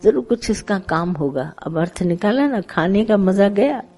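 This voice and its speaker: Mellow-voiced woman giving a satsang talk. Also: mid-range voice, lively intonation, moderate pace, low-quality recording. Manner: conversational, tells parables with acted quotes, mixes English words. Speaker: spiritual teacher leading satsang. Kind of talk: devotional satsang discourse.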